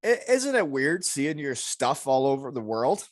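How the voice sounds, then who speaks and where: A man's voice: medium pitch, very animated, a little slow, crowd noise. A middle-aged man hosting a podcast in casual chat, with an informal, blunt, encouraging way of talking. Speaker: podcast host, former hockey player.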